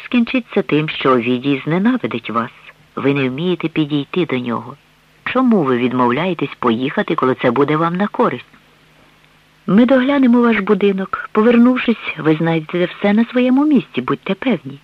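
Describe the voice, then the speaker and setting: A calm old woman, voiced by a man, who scolds without losing her composure. She speaks matter-of-factly and a touch high. The sound is a dull, dry radio recording. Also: moderate pace, dry recording. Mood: chiding. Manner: calm, chiding, matter-of-fact.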